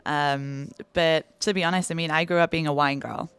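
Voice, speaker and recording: A woman's voice: low-pitched, fairly even intonation, moderate pace, fairly bright tone, clean tone, no echo. A woman in her thirties from Belgium, a bartender talking enthusiastically in a casual podcast interview, lingering on descriptive words. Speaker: bartender guest.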